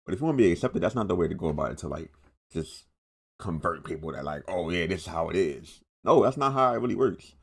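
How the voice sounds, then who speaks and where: A young American man rambles through unscripted reaction commentary, slangy and repetitive. His low voice is expressive and fast, with vocal fry and a breathy edge.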